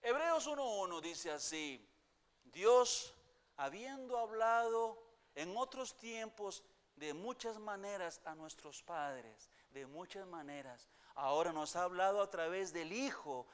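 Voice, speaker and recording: A man preaching a sermon to his congregation, swinging from loud declaiming to hushed tones and repeating phrases for emphasis. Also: sits high, animated, unhurried. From Costa Rica. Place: church. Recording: church hall reverb.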